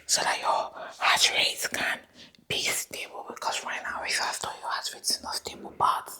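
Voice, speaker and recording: A woman's voice: moderate pace, sharp tone. A woman voicing a dubious, boastful female doctor in a whispered ASMR roleplay, insisting in a sing-song way that she is a real doctor. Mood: coaxing.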